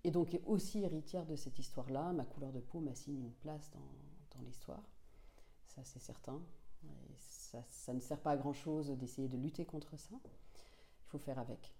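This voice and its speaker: A woman in her forties, raised in Finland and Senegal, answering interview questions thoughtfully with frequent pauses and restarts. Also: sits low, gravelly, dark tone. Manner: thoughtful, many hesitations and restarts. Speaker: author being interviewed.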